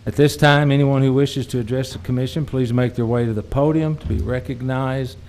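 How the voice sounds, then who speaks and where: A man chairing a city commission meeting, reading rules and brisk, polite prompts. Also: mid-range voice, fairly even intonation, darkish tone. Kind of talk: formal meeting procedure.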